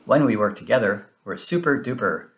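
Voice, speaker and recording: A man voicing an excited, sweet female cartoon mouse in a children's storybook, exclamatory and high-spirited. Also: brisk, faint music behind. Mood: proud.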